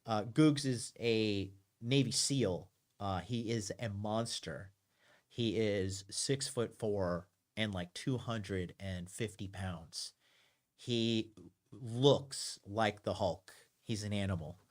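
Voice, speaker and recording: A man in his thirties speaks slowly in a lowish voice while hosting a casual call-in advice show as a dating coach. Emphatic and repetitive, he frequently says "okay."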